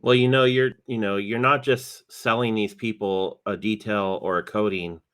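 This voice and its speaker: A man co-hosting a podcast, speaking in a measured way with lots of fillers. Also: fairly low pitch, steady tone, fairly bright tone, clear, resonant tone. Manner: measured, uses many fillers. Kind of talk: casual podcast chat.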